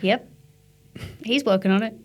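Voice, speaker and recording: A woman's voice: on the high side, a little mellow. Teasing woman co-host. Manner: teasing, quick-witted banter. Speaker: guest host. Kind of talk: casual comedic chat.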